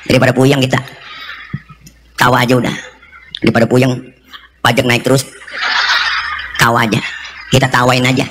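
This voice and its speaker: A man's voice: mid-range voice, sharp tone, in a large hall, slight background noise. A man preaching a comedic sermon, joking and often calling out to his audience.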